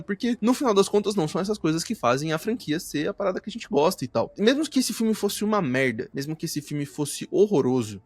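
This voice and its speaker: Brazilian male podcast co-host, rapid and emphatic, slightly high voice, swears freely, dry close sound. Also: dry recording. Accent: Brazilian Portuguese. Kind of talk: casual film discussion.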